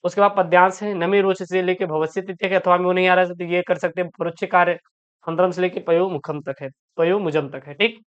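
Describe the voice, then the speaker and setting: The recording has its highs cut off, but the woman's fairly low, steady, clean voice is clear enough. Running an online exam-prep lesson, she calls students "beta," reads each question aloud, often repeats it, and answers quickly and explanatorily.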